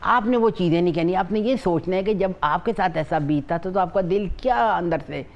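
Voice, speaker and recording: A woman's voice: lowish voice, brisk, a little mellow, highs cut off. Earnest motherly older woman, Pakistani Urdu. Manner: earnest, motherly, repeats herself. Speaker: guest giving family advice. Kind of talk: TV morning show advice talk.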